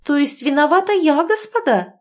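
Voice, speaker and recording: A woman playing a proud young noblewoman, haughty, quick-tempered, raised pitch, sharp indignant retorts, audiobook. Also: close to an everyday voice.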